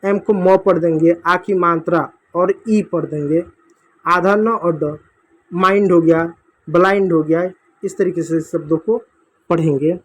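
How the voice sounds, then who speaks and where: A man's voice: high-pitched, steady tone, measured pace, breathy edge. A male teacher patiently walking young children through English reading at a board, repeating each step. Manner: patient, repetitive explaining to kids.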